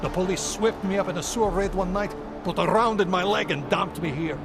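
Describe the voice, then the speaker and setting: Over music, an actor with a high-sitting voice speaks briskly as an earnest, loyal augmented man who guards the door for a rebel group in a video game cutscene. His tone is earnest, admiring and reflective.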